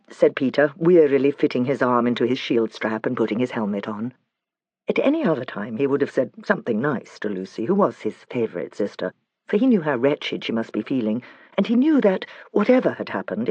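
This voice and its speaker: A man narrating a children's fantasy audiobook in a measured storytelling manner. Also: mid-range voice, big pitch swings, a little mellow, no room sound, lo-fi sound. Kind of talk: scripted narration.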